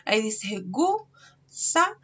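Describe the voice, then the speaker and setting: A woman teaching an online lesson for young children, speaking slowly and patiently, checking that the children follow, while she has a cold. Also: fairly high pitch, sing-song, a bit bright, breathy edge. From Chile. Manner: slow, patient, checks understanding with frequent questions. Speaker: preschool teacher.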